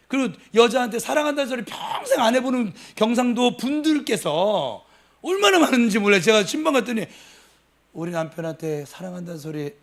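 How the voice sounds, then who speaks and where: A middle-aged man from Gimcheon, preaching a sermon at a Wednesday prayer service, swinging between loud emphasis and soft asides as he talks with the congregation. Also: high voice. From Gimcheon, Gyeongsang province. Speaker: pastor.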